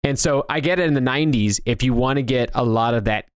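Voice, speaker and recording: A male podcast co-host chats loosely about movies and games, rambling, halting, and circling back to restart his thoughts. His medium-pitched voice has a clean tone, recorded dry and close with no room sound.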